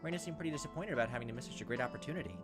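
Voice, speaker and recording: A man hosting a let's play reads a visual novel aloud, dropping casual, wry jokes between the narrated passages in an animated way. His mid-range voice races along, with music in the background.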